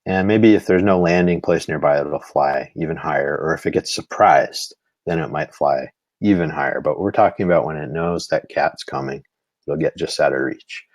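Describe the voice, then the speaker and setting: A man's voice: rumbling low, moderate pace, no echo. A man giving a live-streamed lesson on bird behavior, explaining patiently with frequent "you know" fillers. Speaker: nature instructor.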